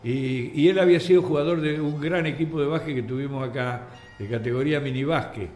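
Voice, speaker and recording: An older man with an Argentine accent, a radio guest telling anecdotes in a lively way and acting out the voices in his stories. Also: medium pitch. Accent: Argentine Spanish. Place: radio studio. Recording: roomy radio studio with faint music.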